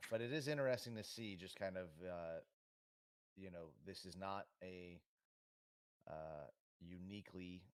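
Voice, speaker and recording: A man's voice: low-pitched, dry recording. A man under forty, a host giving easygoing remote play-by-play commentary, chatty and full of fillers. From United States.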